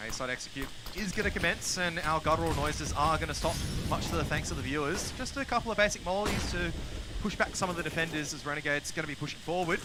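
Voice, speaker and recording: A man's voice: fairly high pitch, fast, over music, low-quality recording. A man with an Australian accent commentating a live video game match in a laconic drawl. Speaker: esports commentator. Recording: clear game noise, gunfire and vehicles behind.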